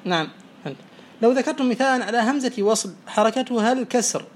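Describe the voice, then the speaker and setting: A man teaching Arabic morphology, quizzing students and briskly praising each answer. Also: very high voice, lively intonation. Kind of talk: oral quiz lesson. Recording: faint background noise.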